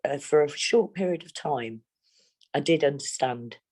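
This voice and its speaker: A woman's voice: deep voice, a little mellow. A middle-aged woman from England, speaking bluntly and steadily as an interviewee. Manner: blunt, plain-spoken, measured. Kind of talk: candid interview.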